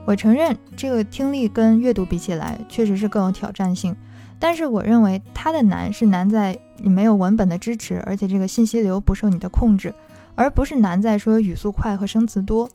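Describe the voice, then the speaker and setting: A woman teacher explains how to practise listening in a patient, methodical way. Her voice is mellow and warm rather than bright, at an ordinary mid pitch. Soft music plays faintly behind her. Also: a little fast. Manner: patient, explains with worked examples. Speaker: German language teacher.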